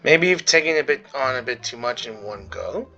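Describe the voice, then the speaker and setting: A gaming video creator offers casual gameplay commentary sprinkled with wry, offhand asides, her extremely low voice expressive and moderately paced. The dull lo-fi microphone picks up faint game music behind her.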